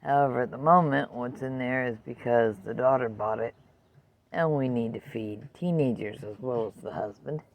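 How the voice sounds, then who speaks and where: Gravelly older woman, chatty vlog. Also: rumbling low, a little hiss or hum. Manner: unhurried, chatty, talks to her dog between remarks. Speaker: vlogger. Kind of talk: casual vlog monologue. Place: outdoors in a yard and deck, with her dog.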